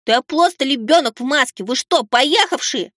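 A man's voice: lively intonation, normal speed, bright, forceful tone, dry recording, clean studio sound, exaggerated voice. A man voicing a defiant young boy with horns and grey hands, speaking in short blunt replies. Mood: indignant. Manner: high, blunt and curt. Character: horned grey-handed boy, stubborn and defiant. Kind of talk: storybook character voicing.

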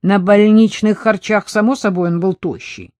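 Narrator doing a gruff older orderly. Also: medium pitch, fairly even intonation, moderate pace, darkish tone, dry recording, natural voice. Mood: blunt.

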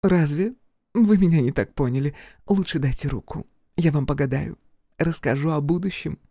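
A capricious young woman, voiced by a woman in an audiobook, theatrical and wheedling. Her voice sits low and mellow, recorded dry and close. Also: normal speed, dry recording. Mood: coaxing. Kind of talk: audiobook character acting.

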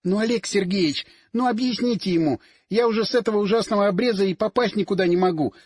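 A man's voice: sits high, fast talker, a little mellow, slightly rough, no room sound, studio quality, voice pushed up. A man voicing a cheeky, wheedling young woman nicknamed Squirrel, in an audiobook. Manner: whiny, wheedling.

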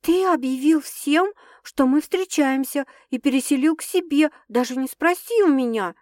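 Woman voicing a dramatic, excitable young woman. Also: normal speed, no echo, studio quality. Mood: defensive. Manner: excitable, exclaiming, higher and louder than narration.

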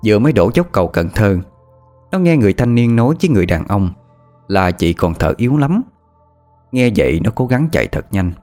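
A man narrating an audiobook story in a scripted, expressive storytelling delivery. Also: on the low side, brisk, faint music behind. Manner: expressive, rising and falling delivery.

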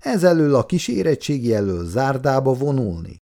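A woman's voice: rumbling low, big pitch swings, warm tone, pitched above the performer's own voice, heavily acted. A man voicing a blunt, sarcastic teenage schoolgirl who speaks mockingly.

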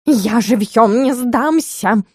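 A woman's voice: on the high side, big pitch swings, unhurried, a little mellow, no echo, clean studio sound, exaggerated voice. A woman voicing a cocky, cowardly talking male cat in an audiobook, whiny and protesting. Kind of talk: audiobook character reading.

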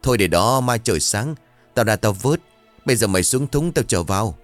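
A gruff older fisherman, voiced by a male storyteller, snapping his words out fast and scolding. Light music plays low behind him. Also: animated, natural voice. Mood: brusque. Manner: brusque, quick, scolding.

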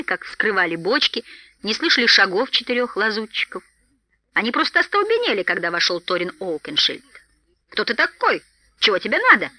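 Bright, animated woman narrating a fairy tale. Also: mid-range voice, dry recording. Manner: expressive storytelling. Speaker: audiobook narrator. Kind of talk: scripted narration.

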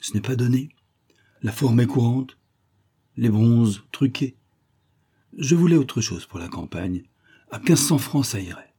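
A man voicing a smooth, flattering aristocratic customer who talks effusively and persuasively. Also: mid-range voice, a little slow, long pauses. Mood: haggling.

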